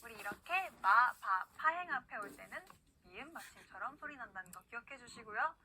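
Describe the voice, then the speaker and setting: Bright high-voiced woman teaching pronunciation. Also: expressive, a little hiss or hum, poor audio. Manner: patient, repeats words slowly for the learner to copy. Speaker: language teacher. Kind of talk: scripted online pronunciation lesson.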